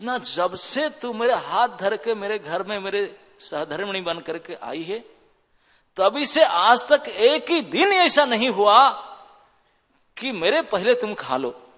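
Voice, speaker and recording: A man's voice: sits high, sing-song, slow pace, sharp tone, in a large hall, full character voice. A man voicing a bewildered, devout poet husband who exclaims in disbelief. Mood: amazed. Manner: exclaiming, incredulous questions.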